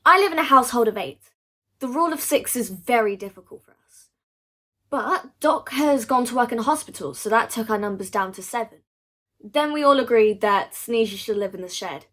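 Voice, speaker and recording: Here is a woman playing a fretful pantomime princess. The voice is fairly high. She confides her complaints in a matter-of-fact way. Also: animated, normal speed, fairly bright tone. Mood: confiding. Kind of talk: comic monologue in a family pantomime.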